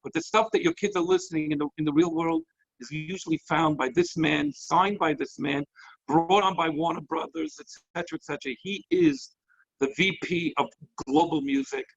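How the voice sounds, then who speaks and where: A man hosting as a rabbi over a video call, effusive and excitable, jumping between thoughts. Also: on the high side, normal speed, creaky. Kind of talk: enthusiastic hosting. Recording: muffled lo-fi online call audio.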